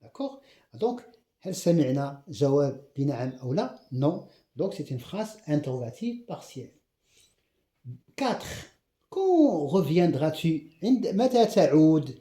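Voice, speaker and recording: A man with a Moroccan accent teaching a grammar lesson, repeating example questions slowly and often checking that the class has understood. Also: fairly high pitch, big pitch swings, dark tone, roomy sound. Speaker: French teacher.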